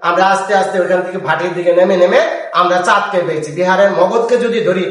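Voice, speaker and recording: A man teaching a grammar lesson, lively and lecturing, chanting word lists slowly. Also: high voice. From Bangladesh. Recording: echoey room, mic far off.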